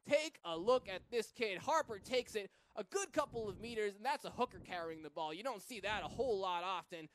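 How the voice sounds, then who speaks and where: A man from Massachusetts calls a rugby match play by play in a fairly high voice. His delivery is energetic and jumps to shouts when a runner breaks loose. A faint hiss of noise sits under the commentary. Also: a little fast, hardly any pauses. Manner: energetic play-by-play, surging to shouts on big runs.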